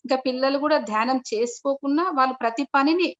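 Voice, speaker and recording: A middle-aged woman with a high-sitting, somewhat bright voice talks quickly as she gives a personal testimony about meditation over a video call to an online meeting. She tells it in a wandering way, restarting frequently and repeatedly addressing listeners politely, and the recording sounds dull and lo-fi.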